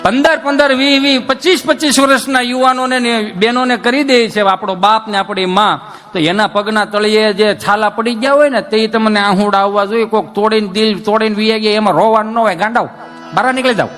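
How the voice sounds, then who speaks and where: A man's voice: high voice, fairly quick, a bit bright, soft background music. A middle-aged man, a folk comedian telling stories and teasing and lecturing his listeners in a playful, preachy way. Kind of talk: comic dayro storytelling to an audience.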